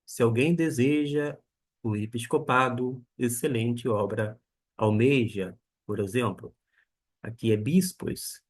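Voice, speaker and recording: A man teaching a beginner lesson on Koine Greek, slowly spelling out each pronunciation. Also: mid-range voice. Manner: slow and deliberate, spelling out pronunciations.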